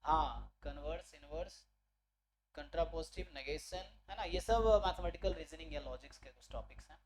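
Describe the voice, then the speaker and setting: A man's voice: fairly high pitch, normal speed, a crowd in the background, poor audio. A man giving an online exam-prep maths lecture. He explains step by step, keeps checking in with his students, and corrects himself mid-sentence. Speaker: maths teacher.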